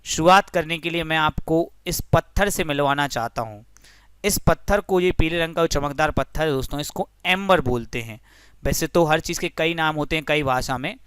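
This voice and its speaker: A man's voice: fairly high pitch, moderate pace, a bit bright, clear, resonant tone, dry recording. A young man teaching a physics lesson through a story, friendly and explanatory, often addressing the listeners as friends.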